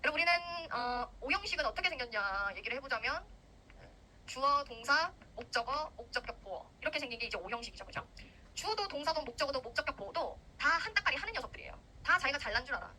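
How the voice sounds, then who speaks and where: Young woman, grammar lecturer: high, fast and animated, acts out her examples. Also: a little hiss or hum, poor audio. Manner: lively, animated, acts out grammar parts in quarrelling voices. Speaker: English grammar teacher for civil service exam students. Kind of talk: recorded lecture.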